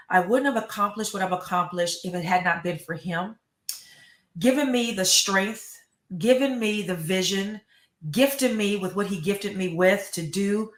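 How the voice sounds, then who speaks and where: A woman's voice: medium pitch, moderate pace, echoey room. A middle-aged American woman, a school superintendent, giving earnest, emphatic interview answers and often repeating words. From United States.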